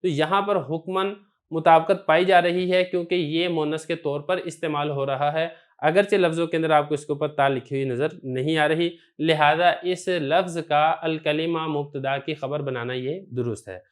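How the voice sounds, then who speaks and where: A man's voice: fairly high pitch, steady tone. Methodical male grammar teacher. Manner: methodical, poses questions then answers them. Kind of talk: recorded lesson explanation.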